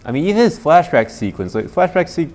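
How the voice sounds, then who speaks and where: A man with a somewhat dopey-sounding voice gives casual, halting playthrough commentary, rambling and repeating himself. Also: on the high side, sing-song, a little mellow. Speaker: gameplay commentator. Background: video game music.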